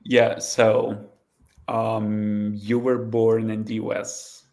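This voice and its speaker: A man interviewing casually, asking brief questions with soft murmurs of agreement. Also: lowish voice, monotone, extremely slow. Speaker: podcast interviewer.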